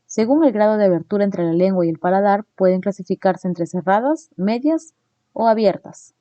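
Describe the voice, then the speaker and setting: A woman teaches a phonetics lesson in a mellow, warm voice. She tags her points with quick checks to her listeners and sounds out examples slowly. The recording is dry and close, with no room sound. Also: medium pitch, no echo, muffled recording. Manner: explains slides, checks in with "¿no?"; demonstrates sounds slowly and deliberately.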